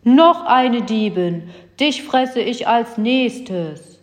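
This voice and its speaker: A woman voicing a huge, gruff, slow-witted male frost giant in a children's story reading, with slow, grumbling speech. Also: a little high, animated, voice pushed up. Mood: threatening. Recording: long hall reverb.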